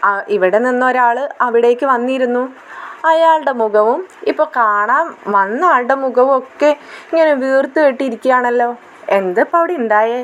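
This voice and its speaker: A woman's voice: on the high side, moderate pace, natural voice. A woman voicing a curious teenage girl who pesters her older sister with prying, teasing questions. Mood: worried.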